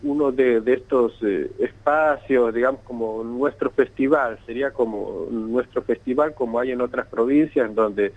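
A man's voice: medium pitch, normal speed, few pauses. A man from Santiago del Estero, Argentina, with a local accent, speaking as an event organizer in a radio interview over a bad phone connection, hesitant and repeating words often. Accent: Santiago del Estero Argentine Spanish. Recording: tinny, choppy phone line.

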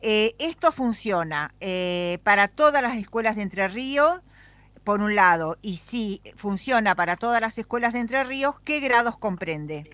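A woman's voice: medium pitch, expressive, a little slow, fairly bright tone, no echo. A woman with an Argentine accent hosting a live radio interview in a chatty, conversational way. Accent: Argentine Spanish.

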